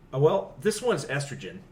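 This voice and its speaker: A man hosts a comedy podcast in a mock-earnest, joking tone. His pitch rises and falls a lot. Faint noise sits under the voice. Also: a little mellow. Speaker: podcast host. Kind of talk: comedic movie review podcast chat.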